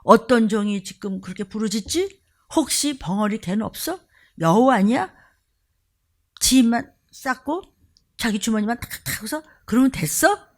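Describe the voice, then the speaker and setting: A woman pastor preaching an impassioned sermon in a church, swinging between shouts and hushed whispers. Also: a little high, lively intonation, normal speed. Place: church sanctuary.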